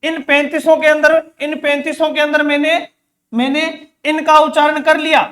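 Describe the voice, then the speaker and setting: A man's voice: extremely high pitch, flat delivery, normal speed, sharp tone. A man teaching an exam-prep grammar lesson, asking questions and answering them himself, repeating key words. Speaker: Hindi teacher.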